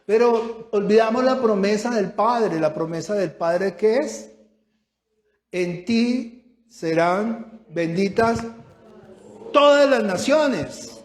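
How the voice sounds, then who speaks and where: Speaking slowly in a high-sitting voice, a pastor delivers his sermon, asking the congregation questions and getting louder to stress his points. The recording carries the echo of a church hall.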